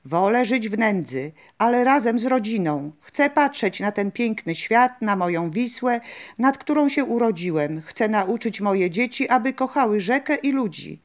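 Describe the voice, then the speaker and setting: A woman's voice: fairly high pitch, lively intonation, moderate pace, lightly acted. A woman voicing a poor young fisherman who speaks in an earnest, troubled way. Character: poor young fisherman, worried yet stubborn.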